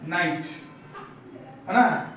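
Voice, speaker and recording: Man, teacher, high voice, drilling a class with questions, heavy room echo, distant mic. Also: animated, very slow, fairly bright tone, a little hiss or hum. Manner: asks questions and has the class repeat answers. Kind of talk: classroom lecture drilling vocabulary. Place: echoey classroom. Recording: echoey room, far from the mic.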